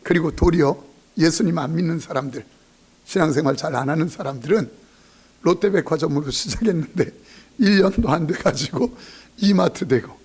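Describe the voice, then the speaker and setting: A man's voice: fairly high pitch, moderate pace, slightly rough. A male pastor preaching a sermon in a joking, emphatic way, often acting out what people say. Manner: lively, joking, emphatic preaching with acted-out quotes.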